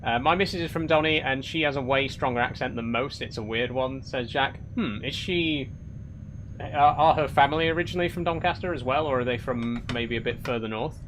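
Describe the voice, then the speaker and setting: With a faint hiss or hum in the audio, a young Yorkshireman reads out comments from his live-stream viewers in a Yorkshire accent. He speaks a little fast in a bright, medium-pitched voice, staying chatty, restarting a lot, and teasing with a wry edge.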